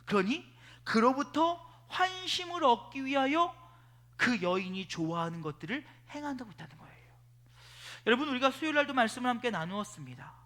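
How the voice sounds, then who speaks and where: A male pastor preaching a sermon at a church service, telling stories in an animated way and swinging between loud and hushed delivery. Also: very high voice, a little fast. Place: church sanctuary.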